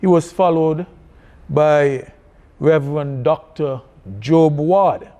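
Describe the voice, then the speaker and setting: Slow-spoken, mellow Kittitian man. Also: on the high side. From Saint Kitts. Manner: halting and deliberate, often repeating words. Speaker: church district superintendent being interviewed. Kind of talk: interview answers about church history.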